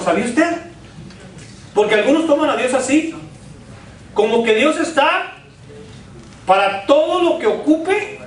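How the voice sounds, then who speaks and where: A man, a pastor preaching a sermon with repeated rhetorical questions and call-and-response. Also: extremely high pitch. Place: church sanctuary. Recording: echoey church from far off.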